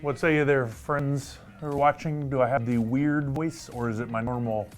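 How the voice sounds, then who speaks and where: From a studio at company headquarters, a man on the marketing team hosts a casual livestream with a Southern US accent, staying upbeat and joking with viewers. His voice is medium-pitched with fairly even intonation and a normal pace. Faint music plays behind him.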